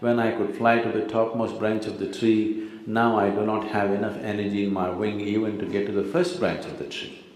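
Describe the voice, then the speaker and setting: A man's voice: fairly low pitch, level tone, normal speed, a little mellow, roomy sound, in a large hall, natural voice. A man voicing a wistful old pheasant. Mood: nostalgic. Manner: wistful and lamenting. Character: weary old male pheasant, nostalgic.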